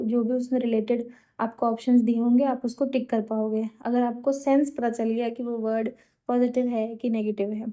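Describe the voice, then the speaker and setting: Patient Hindi-English tutor woman, bright voice. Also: on the high side. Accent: Uttar Pradesh–Bihar Hindi. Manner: explains patiently, checks in with "theek hai?". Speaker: exam vocabulary teacher.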